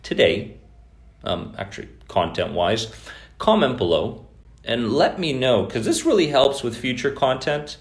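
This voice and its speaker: A man's voice: medium pitch, sing-song, unhurried. A man hosting a live stream about anxiety recovery, talking loosely to viewers and greeting them by name. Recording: echoey room.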